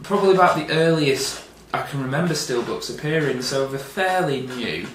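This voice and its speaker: A man's voice: fairly high pitch, animated, normal speed. A man co-hosting a casual film discussion, laid-back and hesitant with fillers and the odd blunt swear. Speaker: co-host. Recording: roomy echo, distant mic, faint noise.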